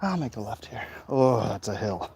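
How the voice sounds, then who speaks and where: A livestream host with a lowish voice answers viewer comments at a moderate pace while walking the streets, sounding a bit winded and clearing his throat now and then. He's animated, blunt and opinionated, rambling casually into a phone held at arm's length over faint street and traffic noise.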